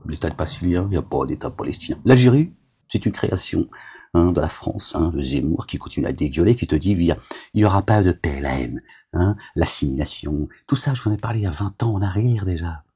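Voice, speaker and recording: A man's voice: very deep voice, gravelly, darkish tone, slightly rough. A man delivering a rambling, agitated monologue to his viewers, scolding them as a self-styled preacher, with constant verbal tics.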